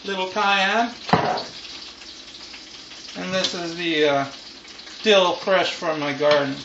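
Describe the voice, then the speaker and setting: A man's voice: fairly even intonation, takes it slowly. A man in his thirties chatting casually as host of a home cooking vlog, in a loose, rambling, laid-back stoner manner. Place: home kitchen, indoors. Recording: roomy, muffled camera audio with frying noise. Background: sizzling deep fryer.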